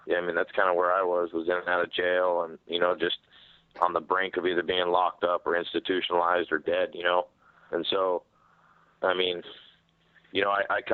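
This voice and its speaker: A man with a very deep, quite flat voice gives candid interview answers. He halts and repeats words as he goes, and the sound is a narrow, dry phone conference line. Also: no echo. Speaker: professional MMA fighter being interviewed. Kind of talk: candid media call answer. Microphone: telephone.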